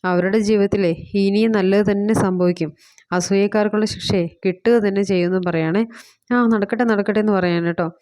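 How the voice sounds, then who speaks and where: A woman's voice: mid-range voice, fairly even intonation, quick pace, mellow, smooth, dry recording. A woman chattily retelling a TV serial episode, quoting the characters as she goes. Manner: chatty, fillers like "kettō", quotes characters inline. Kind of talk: casual spoken recap of a TV serial.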